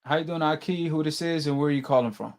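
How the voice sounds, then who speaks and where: Male call-in host, slightly high voice, measured and courteous, informal sports talk. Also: a little mellow. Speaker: host of a boxing call-in show. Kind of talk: casual sports chat.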